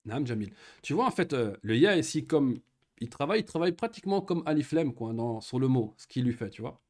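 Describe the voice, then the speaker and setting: With a mid-range, sing-song, darkish voice, a male Arabic teacher walks one student through grammar step by step, slowly voicing Arabic words and frequently making sure they're keeping up.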